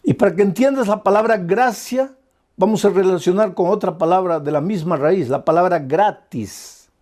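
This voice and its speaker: A man's voice: high voice, moderate pace, a little mellow. A male pastor delivering an earnest, pleading sermon full of repeated phrases.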